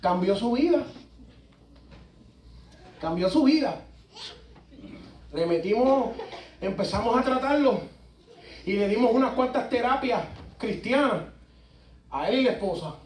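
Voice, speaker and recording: A man preaching a sermon with fervent, repetitive emphasis that rises to shouting, heard in a church hall. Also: very high voice, lively intonation, measured pace, pauses often, slight background noise. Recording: echoey church from far off.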